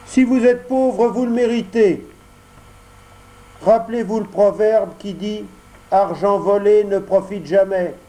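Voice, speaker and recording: Pinocchio, a high earnest puppet boy, read by a man. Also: fairly even intonation, slow, dark tone, poor audio. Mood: scornful. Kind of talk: audiobook character voice.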